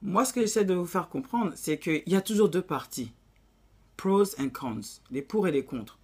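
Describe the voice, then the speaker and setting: A woman's voice: lowish voice, lively intonation, normal speed, a little mellow, slightly rough. A woman with an African accent giving blunt, preachy relationship advice in a casual vlog, dropping in English phrases.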